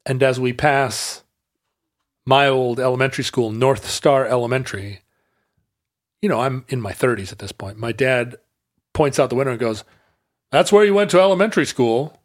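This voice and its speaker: A man's voice: medium pitch, steady tone, moderate pace, long pauses. An American man from Alaska co-hosting a podcast, wry and full of quips. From Alaska, United States. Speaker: podcast co-host. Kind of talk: casual chat.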